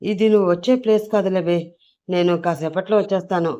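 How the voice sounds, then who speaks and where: A woman's voice: lowish voice, fairly even intonation, fast, mellow, muffled recording, natural voice. A brash young rowdy, voiced by a woman storyteller, talking in a blunt, offhand way. He brushes people off with teasing impatience. It is a storybook audio drama.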